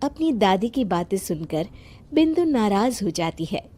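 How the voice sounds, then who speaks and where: A woman reading scripted narration for an animated family drama. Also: medium pitch, a little slow.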